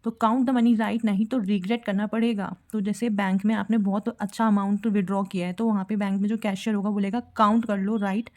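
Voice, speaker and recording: A young woman teaches exam-prep vocabulary, explaining each word through a memory trick and a short invented story, and acting out the quotes. Her mid-range voice is warm and steady, fairly quick, with hardly any pauses.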